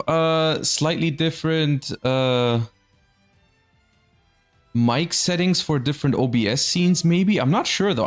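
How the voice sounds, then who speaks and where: A man hosting and commentating a live card game tournament in a conversational, explanatory announcer manner. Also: medium pitch.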